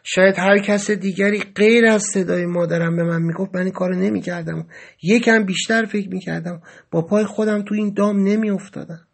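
A man's voice: high-pitched, steady tone, creaky. A man narrating a first-person dramatic story in a vivid, emotional telling. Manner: dramatic, rising to agitated outbursts in quoted speech.

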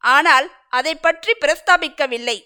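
A woman reading a story aloud in a measured, dramatic narrating manner. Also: sits high, pushed and bright.

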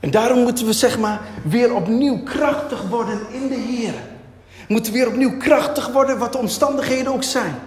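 A man preaching a sermon, asking and answering his own questions in a lively way. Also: very high voice, moderate pace, a little hiss or hum. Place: church hall. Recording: echoey hall, long reverb.

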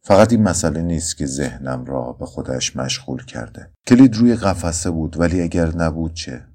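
A man reading a story aloud in a somber, measured first-person narration. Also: a bass voice, animated, dark tone. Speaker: audiobook narrator.

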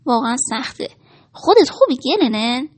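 A woman's voice: high voice, big pitch swings, breathy edge, heavily acted. A woman voicing a blunt, joking female friend in a story reading. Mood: teasing.

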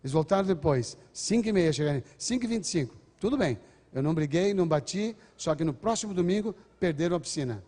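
Older man, parenting lecture, earnest, acts out family dialogue, mellow voice, long hall echo. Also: a little high, expressive, fast. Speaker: speaker on parenting. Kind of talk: lecture to a large audience.

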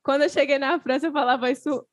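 Chatty woman hosting, lively background. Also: high voice, quick pace, crowd noise. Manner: chatty, asks questions. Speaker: podcast host. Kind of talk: casual podcast chat.

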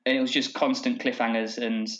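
A man's voice: mid-range voice, level tone, fairly quick, fairly bright tone. Man, casual chat, rambling, echoey room, muffled audio. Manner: rambling, teasing. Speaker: podcast co-host.

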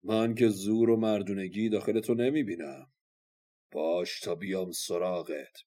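A man's voice: sits low, warm tone, natural voice. A man voicing a veteran hero warrior who taunts his foe in a scornful, mocking way.

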